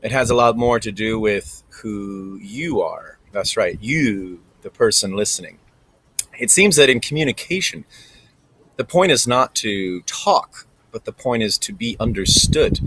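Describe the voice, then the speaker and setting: A man's voice: lowish voice, fairly bright tone, low-quality recording. A man giving a reflective vlog monologue to camera, thinking aloud in a casual way with frequent ums. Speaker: vlogger. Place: recording alone in front of a camera.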